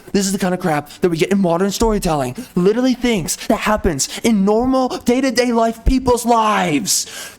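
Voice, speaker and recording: Guy with a high voice ranting hard about games, sarcastic and heated, keeps repeating himself. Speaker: gaming commentator. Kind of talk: unhinged rant.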